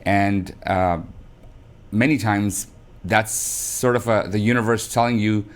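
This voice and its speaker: A man with a somewhat low voice hosts an interview. He asks long, rambling questions, often halting with fillers and restarts as he finds his words. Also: fairly even intonation. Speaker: host.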